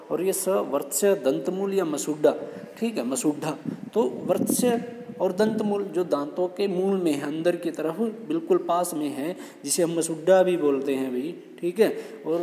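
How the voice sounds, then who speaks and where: A man's voice: fairly high pitch, mellow. A man teaching a lesson to students, explaining patiently and often checking that they follow. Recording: echoey room with long reverb.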